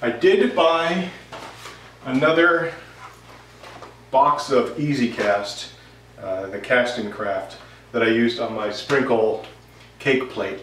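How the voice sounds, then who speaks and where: With long pauses and a slow pace, a woodworking vlogger in his thirties rambles casually to camera from his home workshop. His medium-pitched voice is a bit bright, captured in a distant, roomy, noisy indoor recording.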